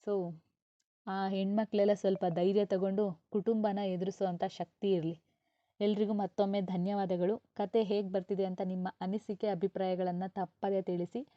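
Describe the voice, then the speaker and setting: A woman storyteller reading a serialized novel aloud in a calm, even, unhurried way. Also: medium pitch, no echo. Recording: dull, slightly lo-fi dry sound.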